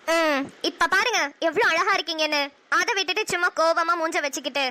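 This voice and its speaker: A woman voicing a gentle, lovestruck young elder sister in a cartoon, soft and coaxing, with a Namakkal Tamil accent. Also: very high-pitched, a little fast. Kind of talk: cartoon voice acting.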